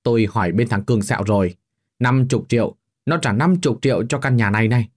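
A man's voice: mid-range voice, fast, natural voice. A man voicing a rude, hot-tempered grown son who snaps at his mother with contempt, in a storybook reading. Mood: angry. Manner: snapping, contemptuous. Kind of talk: storybook narration with voiced characters.

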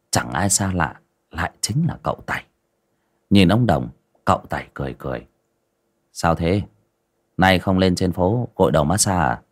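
A man narrating a folksy story in an expressive, vivid way. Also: low voice, slightly rough.

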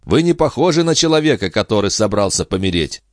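A man reading a young, naive peasant lad in an audiobook, earnest and excitable, always polite and always hungry. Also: on the low side, fast, dry recording, studio quality, pitched above the performer's own voice. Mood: earnest, puzzled.

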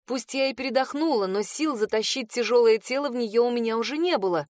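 A woman reads a first-person fantasy novel aloud with an intimate, emotive delivery. Her voice sits fairly high. The sound is dry and close to the mic. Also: fast, darkish tone, dry recording. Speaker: audiobook reader.

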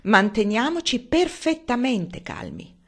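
A woman's voice: medium pitch, a little fast, lightly acted. A woman reading aloud as a sardonic middle-aged uncle with a dry manner.

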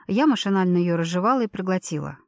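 A woman with a lowish voice reads a first-person fantasy novel at a quick pace as a steady audiobook narrator, giving the dialogue small lifts. The studio-quality recording has no echo.

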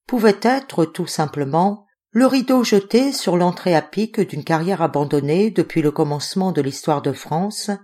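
A woman narrating an audiobook in a calm, measured reading. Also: on the low side. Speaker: audiobook reader.

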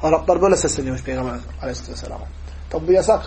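A man's voice: fairly high pitch, rapid-fire, dark tone, slight background noise, poor audio. A man teaching a hadith lesson, explaining step by step, asking his class questions, and reciting Arabic passages. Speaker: religious teacher.

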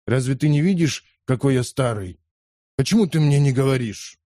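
A man's voice: mid-range voice, expressive, moderate pace, warm tone, no echo, clean studio sound, pitched above the performer's own voice, lightly acted. A man voicing a proud, querulous, very old lord in an audiobook. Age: older.

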